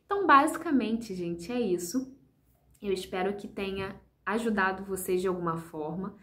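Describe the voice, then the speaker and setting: Speaking straight to viewers in an instructional video, a woman explains step by step how to lead children's ministry. She is patient and encouraging, uses lots of fillers, and has a mid-range, fairly bright voice at a moderate pace.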